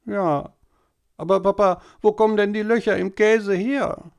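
A man's voice: high-pitched, fairly even intonation, a little slow, vocal fry, clear, resonant tone, pitched above the performer's own voice. A man voicing a whiny, stubbornly curious little boy in an audiobook story. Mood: insistent. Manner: whining, insistent questioning.

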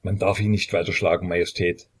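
A cautious court physician murmurs his warning in a low, husky voice, quiet and measured, as a narrator puts him on. He sounds hushed and careful in an audiobook reading. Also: level tone.

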